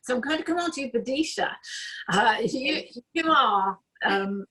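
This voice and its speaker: A woman's voice: a little high, expressive, moderate pace, sharp tone, husky, rough recording. A woman moderating a panel webinar, asking questions with hesitant ums. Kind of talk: panel discussion.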